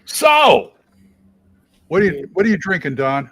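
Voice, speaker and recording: A man co-hosting a casual livestream chat, chatty and lively, swapping stories. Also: fairly high pitch, quick pace, breathy edge.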